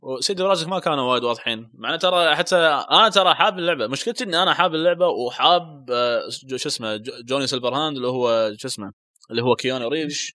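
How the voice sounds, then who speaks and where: Rapid-fire bright man. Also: mid-range voice, dry recording. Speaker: podcast co-host. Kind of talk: casual gaming podcast chat.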